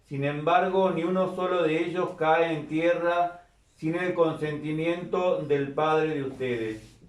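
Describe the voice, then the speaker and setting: A man's voice: on the high side, steady tone, slow. A man serving as priest, reading scripture and preaching in a careful, explanatory way, his voice carried by a cathedral echo. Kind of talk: liturgical reading and homily. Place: large church. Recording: echoey church from a distance.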